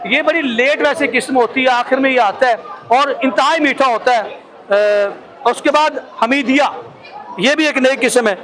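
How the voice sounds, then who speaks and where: Male Pakistani field reporter with a very high voice and a filler-heavy listing delivery, crowd murmur behind him. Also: a little slow, fairly bright tone, low-quality recording. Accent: Pakistani Urdu. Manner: lists items one by one with many fillers. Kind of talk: walking tour report at an exhibition. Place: crowded indoor exhibition hall.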